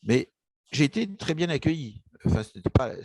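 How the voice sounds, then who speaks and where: Interviewed casually about his book, an older man from Egypt recounts personal memories hesitantly, full of fillers and restarts. His voice is fairly high, gravelly, husky and darkish in tone, with lively intonation at a moderate pace. No room sound is audible.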